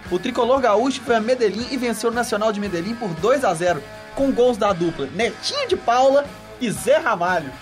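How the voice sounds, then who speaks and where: A man's voice: extremely high pitch, animated, brisk, faint music behind. A man hosting a sports news round-up with casual banter. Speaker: sports show host.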